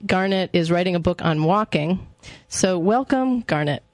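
Low-voiced woman radio host, dry sound. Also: expressive, dry recording. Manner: friendly, easygoing, a little halting. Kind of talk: radio interview.

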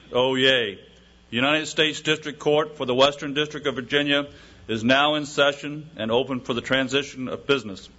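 A man's voice: medium pitch, bright, forceful tone. A man calling a court to order in a ceremonial, projecting way. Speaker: court crier. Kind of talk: formal court opening. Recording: muffled lo-fi recording.

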